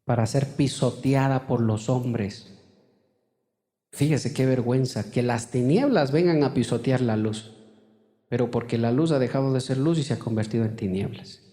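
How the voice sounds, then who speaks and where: Male pastor, fervent sermon delivery, leaps high for emphasis, sinks low and slow for solemn lines; reverberant church. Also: mellow. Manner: fervent preaching, often calling listeners "hermano"; rises sharply in pitch for emphasis, drops low and slow for solemn points. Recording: long reverb of a church hall.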